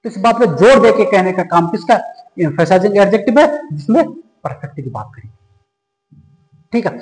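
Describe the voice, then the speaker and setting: High-voiced male teacher in a reverberant room. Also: a little mellow. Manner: asks the class questions and answers them himself; moves from slow, drawn-out English examples to quick Hindi explanation. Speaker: English teacher. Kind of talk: explaining grammar in a Hindi-English lesson.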